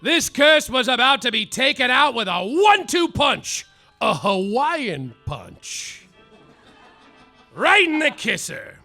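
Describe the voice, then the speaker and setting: In a live comedy radio play, a man with a very high, gravelly voice gives a heavily acted turn as a hapless hard-boiled private eye. He narrates in a deadpan noir style, breaking into melodramatic outbursts.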